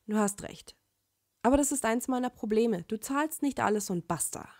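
A woman's voice: fairly high pitch, lively intonation, normal speed, a little mellow, no room sound, studio quality. A woman voicing a stubborn, feisty young woman who speaks sharply and with exasperation, in a fan fiction reading.

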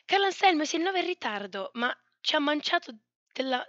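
A young woman streaming live, chatting casually and thanking subscribers, with a hoarse, tired voice. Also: high voice, animated, brisk, fairly bright tone, no room sound, highs cut off. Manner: chatty, playful, swears casually. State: hoarse, losing her voice. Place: corner of a hotel room, people nearby. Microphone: desk mic, no headphones.

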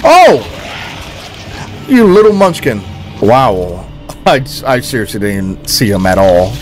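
A man casually commentating his own horror game play for viewers, excitable and quick to exclaim. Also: fairly low pitch, faint music behind. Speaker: gaming streamer.

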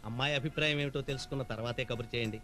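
A man's voice: medium pitch, steady tone, very fast, natural voice. An actor playing a courteous middle-aged father who comes to ask for a bride. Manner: courteous and formal. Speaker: groom's father. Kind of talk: film acting. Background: film score music.

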